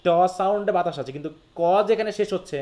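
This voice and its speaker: A man with a Bangladeshi accent giving a live lecture, reading English passages slowly and then explaining them step by step, often checking that his students follow. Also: high voice, darkish tone. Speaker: English teacher.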